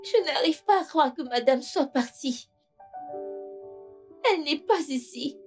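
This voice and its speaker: A frightened housemaid stammers in a very high, shrill voice, as a woman dubs her. She sounds distant from the mic, with music behind. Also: lively intonation, a little slow, darkish tone. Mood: panicked. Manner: panicky, tearful. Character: anxious young housemaid. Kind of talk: dubbed film acting.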